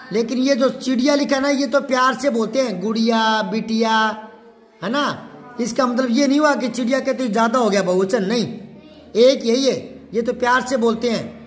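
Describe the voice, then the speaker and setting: A man's voice: very high voice, a bit bright. A man teaching a children's class, patiently going through worksheet questions, asking the pupils and answering himself. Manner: spells out words syllable by syllable. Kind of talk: classroom lesson explaining a worksheet.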